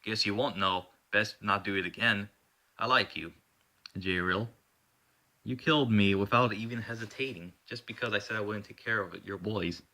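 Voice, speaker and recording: Smug, calm gang boss villain, played by a man, low-pitched with a bright, forceful edge. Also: normal speed.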